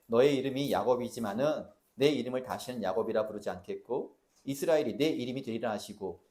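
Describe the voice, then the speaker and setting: Animated preaching man. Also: mid-range voice. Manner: lively preaching, shouting out emphatic lines and questioning the congregation. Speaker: pastor. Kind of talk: sermon. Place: church sanctuary.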